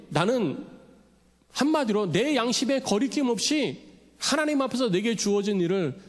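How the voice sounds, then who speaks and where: A man preaching a Sunday sermon as pastor in a church sanctuary, lively and dramatic, acting out the voices he quotes. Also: high-pitched. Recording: long church hall reverb.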